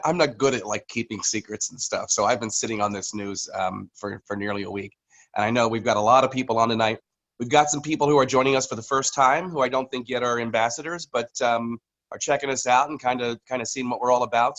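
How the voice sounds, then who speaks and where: A man's voice: mid-range voice, fairly bright tone, rough recording. A man, a company communications executive, giving a casual, rambling business update on a video call, with many fillers and restarts.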